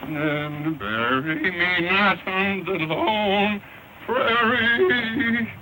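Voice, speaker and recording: An actor playing a folksy, tipsy old cowhand who stammers in a rustic drawl, heard through an early 1930s talkie film sound recording. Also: male voice, high voice, extremely slow, bright, forceful tone, a little hiss or hum, exaggerated voice, poor audio. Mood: tipsy bumbling.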